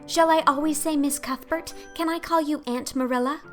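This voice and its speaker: A woman playing an excitable, high-voiced orphan girl. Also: normal speed, soft background music, natural voice. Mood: wistful, hopeful. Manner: gushing, earnest, dramatic. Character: imploring, excitable, talkative dreamy orphan girl. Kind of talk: audiobook character acting.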